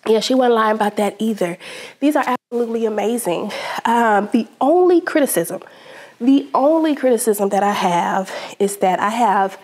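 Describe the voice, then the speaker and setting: Lady vlogging from home, chatty and animated, calls you "child". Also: a little high. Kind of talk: casual product review vlog.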